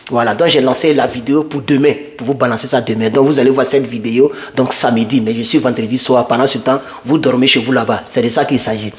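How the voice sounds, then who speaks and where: A man's voice: medium pitch, fairly even intonation, fast talker, hardly any pauses. A man vlogging immigration news from his home computer, talking straight to his viewers in a loose, rambling way and sliding from English into French. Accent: non-native English, French-speaking. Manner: switches between English and French, addresses viewers directly, rambling. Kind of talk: casual informal vlog. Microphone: computer microphone.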